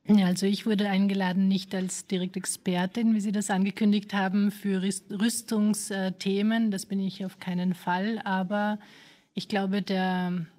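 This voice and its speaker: A woman guest on a radio interview speaks in a mellow, even voice with little rise and fall. She pauses often and corrects herself, weighing each word. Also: mid-range voice. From Afghanistan. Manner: hesitant, many fillers and restarts. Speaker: panel guest.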